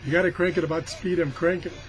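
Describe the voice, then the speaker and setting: Talking very fast with fairly even intonation and a slightly high voice, an older man casually demonstrates a product as a reviewer. He rambles in a folksy, self-deprecating, grumbling way, and the amateur recording is clearly noisy.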